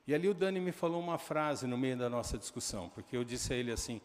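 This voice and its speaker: A middle-aged man with a Brazilian accent preaching a sermon in a church, telling stories conversationally with quick asides to the congregation. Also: medium pitch, expressive. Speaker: pastor. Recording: long hall reverb.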